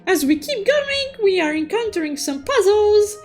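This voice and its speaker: A woman with an extremely high voice recaps a game story at a moderate pace, playing a childlike, excitable cartoon unicorn who refers to herself in a cutesy third person. Her animated, playful telling is full of exclamations and sound-effect noises, with music in the background.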